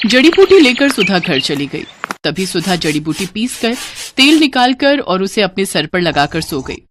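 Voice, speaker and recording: A woman narrating a cartoon storybook in an even, expressive way. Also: mid-range voice, normal speed, noisy background.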